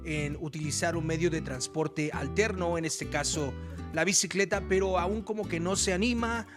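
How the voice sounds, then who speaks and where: A man's voice: on the high side, normal speed. A man hosting a community news segment and interviewing a guest in a friendly way. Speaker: news host. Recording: guitar music underneath.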